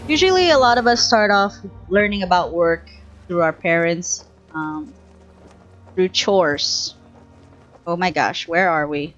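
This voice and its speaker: Young woman streaming, chatty, faint music behind. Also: fairly low pitch. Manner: chatty, thinking aloud in short bursts. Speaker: game streamer. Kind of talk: casual live gameplay commentary. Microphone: headset. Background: faint game music.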